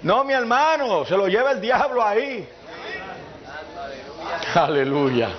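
A man preaching a fervent sermon in church, peppering it with hallelujahs and breaking into shouts. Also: sits high, sing-song, slow pace, crowd noise. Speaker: pastor. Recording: dull lo-fi church recording.

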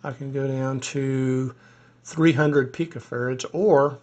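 A man talks through a screen-recorded tutorial at an easy pace, explaining each step as he goes and pausing to think aloud. His voice is a bit hoarse and sits at an ordinary middle pitch. It has the feel of a hobbyist recording at his desktop computer. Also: fairly even intonation, a little mellow, muffled recording. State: a little hoarse. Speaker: ham radio hobbyist demonstrating software.

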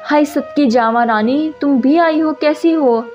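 A kind, concerned young man speaks softly, as a woman telling the story voices him. The pitch is high and the audio is muffled and lo-fi, with music running behind. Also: unhurried. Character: young man, the heroine's caring cousin.

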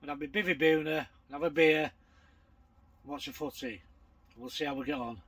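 Older angler, casual bankside vlogger, gravelly, slightly high voice, matter-of-fact chat. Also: male voice, sing-song, a little fast, a bit bright, poor audio. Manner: chatty, matter-of-fact running commentary. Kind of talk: casual vlog narration while cooking. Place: bankside bivvy outdoors at dusk.

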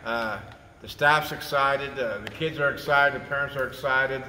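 A man's voice: mid-range voice, bright, forceful tone. A man in his fifties, a school coach, chatting enthusiastically with repeated words and fillers. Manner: enthusiastic, repetitive, halting with fillers. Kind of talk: casual on-camera chat. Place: large school gymnasium. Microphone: camera at a distance. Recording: roomy gym with long reverb, faint noise.

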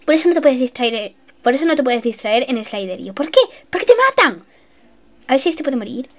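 A young woman giving excitable, self-mocking gameplay commentary, swinging between shrieks and mutters. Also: sits high, brisk. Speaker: gaming youtuber.

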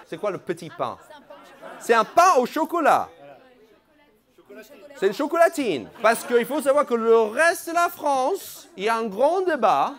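A man's voice: very high-pitched, a bit bright. A man, doing playful stand-up crowd work on a comedy club stage, teasing and mock-outraged. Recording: live club audience audible.

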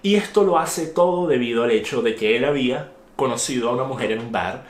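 A man delivers an opinionated review monologue. His voice sits at an ordinary middle pitch, and he presses his points with indignant emphasis and rhetorical questions. The recording carries noticeable room echo. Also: a little fast, slight background noise. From Venezuela. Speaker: video commentator.

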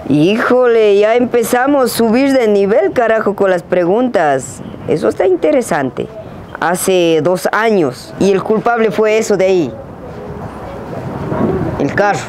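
A man's voice: sits high, expressive, unhurried, a little mellow. A young man hosting a casual question-and-answer vlog outdoors on a rural hillside, talking in a playful, teasing, slangy way to a camera a few feet away. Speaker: vlogger host. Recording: outdoor noise with passing vehicles. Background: outdoor ambience and traffic.

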